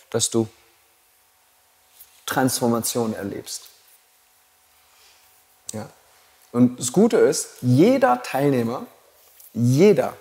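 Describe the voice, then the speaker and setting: A man teaching yoga teacher trainees in a blunt, provocative way and laughing at his own jokes. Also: mid-range voice. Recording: long hall reverb.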